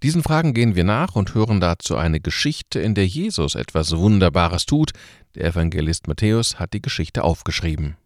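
A man's voice: low-pitched, lively intonation, brisk, no room sound, clean studio sound. A man leading a short radio service and preaching in a colloquial, ironic way. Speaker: pastor. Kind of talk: radio sermon.

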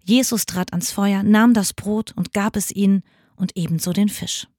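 A woman reading Bible passages aloud in a radio church service, measured and expressive. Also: medium pitch, dry recording, clean studio sound. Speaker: scripture reader.

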